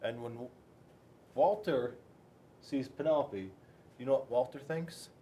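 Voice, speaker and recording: A school resource officer reads a picture book aloud to children and chats with them, keeping it playful and full of rhetorical questions. His voice is mid-range and dark-toned, and he speaks unhurriedly. There's a little hiss or hum in the recording.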